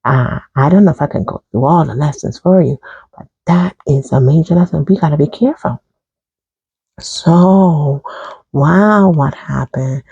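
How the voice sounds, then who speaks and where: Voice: mid-range voice, measured pace, creaky, mellow, slightly rough, dry recording. A chaplain retelling a Bible story in a chatty, rambling way, with chuckles and side remarks, on a dull lo-fi recording. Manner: chatty, digressive, with chuckles and asides.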